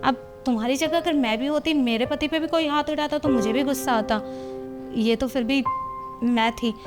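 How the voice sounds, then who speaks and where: A woman's voice: high-pitched, moderate pace, music in the background, natural voice. A woman playing a stern, motherly elder sister-in-law who scolds and justifies herself in a scripted family drama. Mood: placating.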